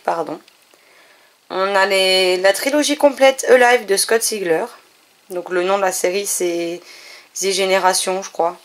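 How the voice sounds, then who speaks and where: A woman vlogger chatting casually through a bookshelf tour, listing titles and often correcting herself, a little short on sleep. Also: medium pitch. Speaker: book vlogger.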